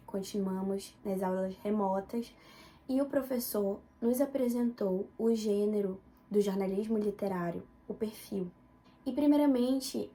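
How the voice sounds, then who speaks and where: A young woman from Belém, Pará, in northern Brazil, speaks with a northern Brazilian Portuguese accent as she gives a student presentation framed as a personal account. Her voice is medium-pitched and dark in tone.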